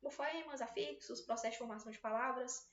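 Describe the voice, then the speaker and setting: A Brazilian woman teaching Portuguese for exam prep, chatty and encouraging, often checking in with quick tag questions. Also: fairly high pitch. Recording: roomy, slightly dull sound.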